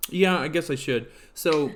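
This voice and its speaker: Unhurried and a little high-voiced, this livestream host chats casually, wandering from thought to thought with lots of fillers like um and uh and frequent restarts.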